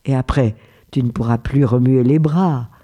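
A man's voice: mid-range voice, normal speed, warm tone, lo-fi sound, natural voice. A man voicing a worried, scolding old woodcutter father in a storybook reading.

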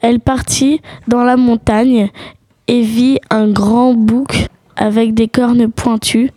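A woman narrates a storybook tale as its storyteller. Her voice sits fairly high, and the sound is close and dry, free of room echo. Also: flat delivery, takes it slowly, dark tone.

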